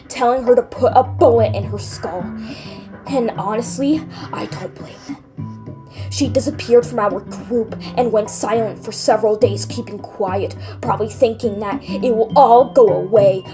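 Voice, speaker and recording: A woman narrating a scripted first-person horror story in a dramatic storytelling manner. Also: on the high side. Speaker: creepypasta narrator.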